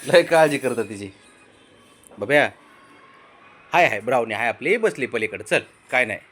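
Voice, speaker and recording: A man's voice: medium pitch, expressive, normal speed, fairly bright tone. A man filming his pets, coaxing and questioning his cat in a sing-song baby-talk voice. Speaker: pet owner filming his cats. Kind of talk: casual pet vlog.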